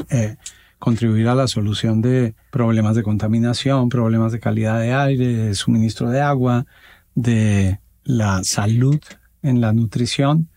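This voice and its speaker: A Colombian man answering interview questions in a measured, formal, explanatory way, with pauses. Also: mid-range voice, dark tone, no room sound. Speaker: guest, association president.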